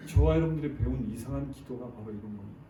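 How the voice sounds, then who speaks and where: A man's voice: medium pitch, very fast, warm tone, a little hiss or hum. A man preaching a sermon, often asking the congregation questions and acting out prayers in their voice. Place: church sanctuary. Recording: echoey church recorded from a distance.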